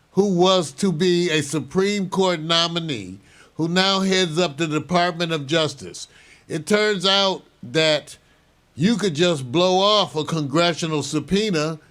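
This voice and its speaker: Older male host, news commentary, slightly high voice, measured and opinionated. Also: a bit bright. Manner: measured, opinionated, chuckling now and then. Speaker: show host.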